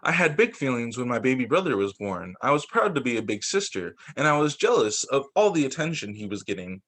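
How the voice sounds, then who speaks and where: A male teacher reads to young children at a medium pitch and a slightly fast pace. His storytelling is expressive, with occasional stumbles and phrases read twice.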